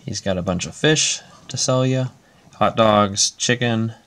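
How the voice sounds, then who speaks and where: A man's voice: lowish voice, measured pace, a bit bright. A man, a parent, casually showing his toy-brick model off camera, listing items with many fillers. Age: adult parent. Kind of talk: casual show-and-tell. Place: indoors at a table.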